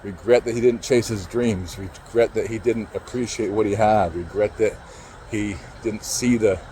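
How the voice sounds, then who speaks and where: A man with a low, mellow voice tells a personal story, halting and emotional, with casual swearing along the way. A faint hum of traffic and street noise sits behind him outdoors. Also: poor audio. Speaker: motivational speaker.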